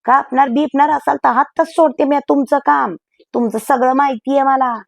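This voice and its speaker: A bossy, sharp-tongued robot housemaid, as a woman storyteller puts her on, high and slightly gravelly, snapping back in a brusque rustic way. Her voice sounds close and dry in a spoken comic story. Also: fairly even intonation, moderate pace, no echo. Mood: indignant. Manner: brusque, rustic village-maid talk.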